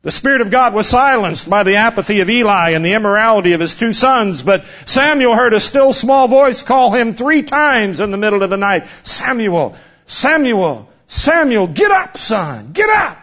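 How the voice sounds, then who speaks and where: A man in his fifties preaching a sermon, swinging from loud exhortation down to a hushed near-whisper. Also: sits high, a little fast, hardly any pauses. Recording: dull lo-fi recording.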